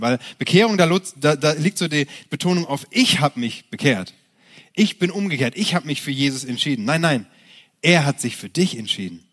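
A man in his thirties preaching a sermon as pastor, lively and direct, often restarting phrases and asking the listeners rhetorical questions. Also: medium pitch.

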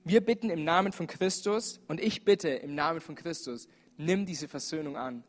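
Man, preacher, sermon, slightly higher voice, earnest, urgent appeals, frequent fillers. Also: moderate pace. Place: church service.

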